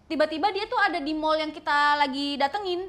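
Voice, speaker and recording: Young woman from palembang chatting as a guest, high bright voice, gets playful and animated telling stories. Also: fairly quick. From Palembang, Indonesia. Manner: lively, shifts into high playful voices when quoting. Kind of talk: casual interview chat.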